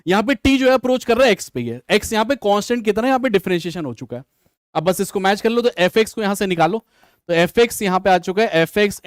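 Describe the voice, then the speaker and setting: A man with a high-sitting voice teaches maths in Hindi mixed with English maths terms, solving an exam question live in an online class. He talks straight to his students, reads their comments, and thinks aloud, with studio-quality sound and no room echo.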